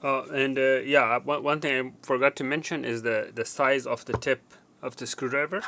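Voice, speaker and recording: In this tech repair how-to, the man talks off the cuff in a conversational way, repeating words to stress them. His mid-range voice is pushed and bright, with fairly even intonation and a moderate pace.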